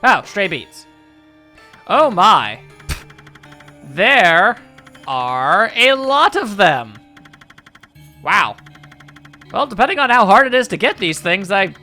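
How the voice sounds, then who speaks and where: Male let's player: lively, bright-voiced, wry, joking gameplay commentary, thinking aloud. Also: high-pitched, slow, long pauses, faint music behind. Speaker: video game let's player.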